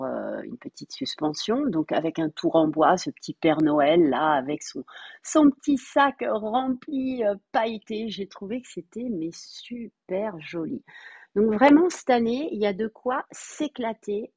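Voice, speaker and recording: A woman's voice: medium pitch, a little mellow, slightly rough, dry recording. A middle-aged woman presenting her store finds in a gushing, bubbly way, now and then singing little snatches. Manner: gushing, bubbly, breaks into little sung bits. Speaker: vlogger showing store finds. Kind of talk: enthusiastic product haul chat.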